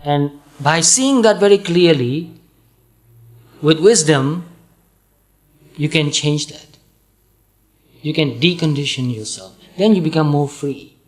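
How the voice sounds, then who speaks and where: A man from Burma with a Burmese accent, giving a calm, patient dharma talk and repeating points slowly. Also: fairly high pitch. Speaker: Buddhist monk teacher.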